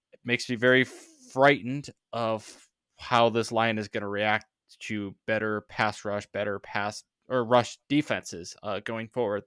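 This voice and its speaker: A man talks through a sports podcast in a low, resonant voice, heavy with fillers and dry sarcasm. The sound is close and dry with no room echo. He rambles casually as a regular co-host. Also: fairly bright tone, clear, resonant tone.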